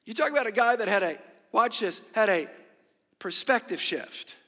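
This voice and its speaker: A man preaching at a pulpit microphone, his voice high for a man and driving hard. He pushes every point with rhetorical questions and has the congregation repeat phrases back. His words ring out with a long reverb through a big church hall. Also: animated, normal speed, bright, forceful tone. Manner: emphatic, rhetorical questions, call-and-response with congregation. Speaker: pastor. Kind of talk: sermon.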